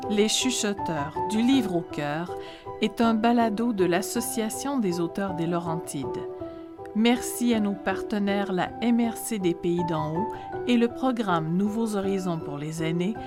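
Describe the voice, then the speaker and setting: Woman, storyteller, scripted narration, medium pitch. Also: a little slow, over loud music.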